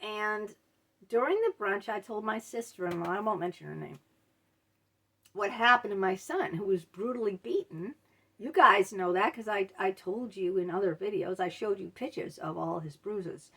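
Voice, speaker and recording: A middle-aged woman hosting a casual advice vlog, telling stories in a blunt, animated, indignant way. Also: mid-range voice, normal speed, husky. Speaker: channel host.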